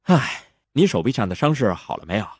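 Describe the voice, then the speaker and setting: A man reading an audiobook, voicing a glib, cocky young man in easygoing, lively banter. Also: fairly low pitch, fairly quick, husky, dry recording, clean studio sound. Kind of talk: audiobook character voice.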